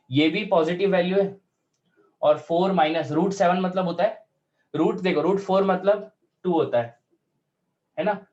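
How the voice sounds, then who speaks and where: A male math teacher explains a problem step by step, often checking that the class is following. His voice sits a little high for a man and slows almost to dictation speed when he reads out formulas. The recording sounds slightly muffled. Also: a little mellow. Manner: talks through steps aloud, checks in with students often. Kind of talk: whiteboard math lesson.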